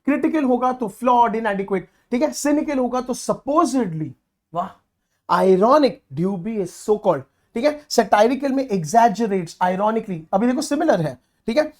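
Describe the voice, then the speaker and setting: A man teaching online exam prep in an energetic, chatty lecture style, coaxing his students along. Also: very high-pitched, slow. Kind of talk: online lecture mixing Hindi and English.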